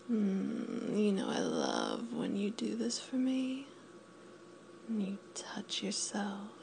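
A woman in an intimate audio roleplay, speaking in a commanding, teasing way, often dropping to a whisper, and counting down slowly. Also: mid-range voice, sing-song, creaky, darkish tone, slight background noise. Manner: slow counting down.

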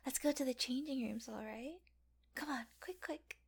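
A young woman speaking in a soft, teasing whisper, coaxing and affectionate, in an intimate audio roleplay. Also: sits high, moderate pace, creaky, breathy edge.

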